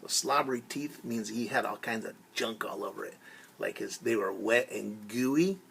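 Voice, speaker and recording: A man with a fairly low voice and some vocal fry tells a story to children like a teacher, with slight background noise behind him. He performs it theatrically, acting out shouts, whispers and sound words, and pauses to explain words simply and invite the kids to join in. It's animated children's storytelling, with singing mixed in alongside the word explanations.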